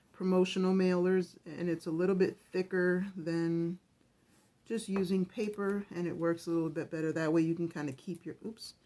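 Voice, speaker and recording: A craft channel host talks casually through a project in a slightly low, scratchy, early-morning voice with a mellow feel. She's chatty and rambling, often restarting sentences before finishing them and correcting herself as she goes.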